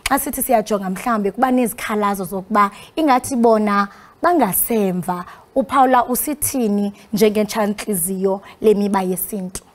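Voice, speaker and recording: A woman's voice: mid-range voice, brisk. Woman host with a Xhosa accent. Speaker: broadcast host. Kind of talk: interview hosting.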